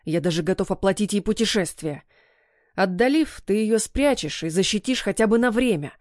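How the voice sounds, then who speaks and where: A woman's voice: medium pitch, lively intonation, normal speed, darkish tone, no echo, close to an everyday voice. Stern middle-aged businessman father, read by a woman; firm, clipped, dry close recording. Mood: persuasive.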